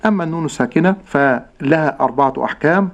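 A man teaching Quran recitation rules, explaining in a measured way and drawing out each example word slowly. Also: on the high side, dull audio. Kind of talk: tajweed lesson with slow demonstrations.

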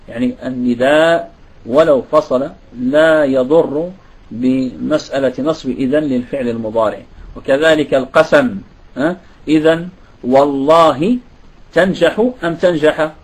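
A man's voice: mid-range voice, slightly rough, low-quality recording. A man giving a classroom grammar lesson, often asking students rhetorical questions. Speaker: Arabic grammar teacher.

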